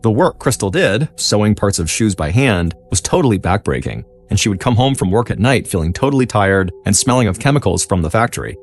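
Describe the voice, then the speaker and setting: A man's voice: fairly low pitch, fairly quick, hardly any pauses. A man narrating a true-crime story as a podcast host, in a dramatic storytelling manner. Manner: dramatic storytelling, lively intonation. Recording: faint music behind.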